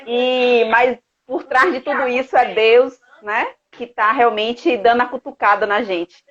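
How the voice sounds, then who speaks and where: Higher-voiced woman hosting a live chat. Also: fairly even intonation, measured pace, dull audio. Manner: gentle, reflective, asks guiding questions. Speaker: host. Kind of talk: live stream interview.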